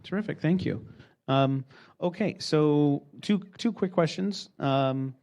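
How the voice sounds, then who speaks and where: A man moderating a conference panel's question time, halting and filling pauses with ums. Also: on the high side, vocal fry, darkish tone. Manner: halting, many fillers and restarts.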